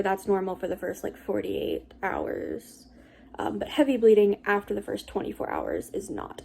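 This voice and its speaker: A woman's voice: medium pitch, vocal fry, mellow, a little hiss or hum. A young adult woman giving a casual vlog update in an informal, rambling and hesitant way. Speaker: vlogger.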